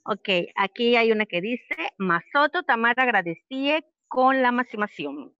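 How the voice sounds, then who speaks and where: A woman student reading her phrases aloud in an online class in a lively way. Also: a little high, normal speed, clean tone, no room sound, muffled recording.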